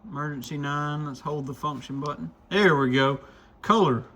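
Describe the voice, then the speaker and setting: His pitch is fairly high and his tone sharp, and he keeps a normal speed. The man, a radio shop reviewer who hosts videos, talks through a casual hands-on demo, musing informally as he fiddles with the product.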